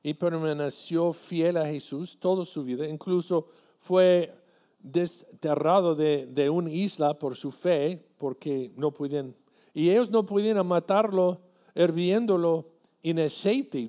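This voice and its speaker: Slow, mellow-voiced male preacher. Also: fairly high pitch. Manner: earnest, deliberate preaching with halting restarts. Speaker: pastor. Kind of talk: sermon.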